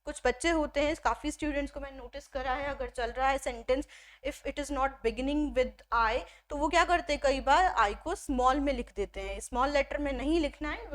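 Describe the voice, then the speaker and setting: Female tutor, young adult, high voice, explains patiently, poses and answers own questions. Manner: explanatory, asks and answers own questions, mixes Hindi with English. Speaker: teacher. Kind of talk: classroom-style grammar lesson.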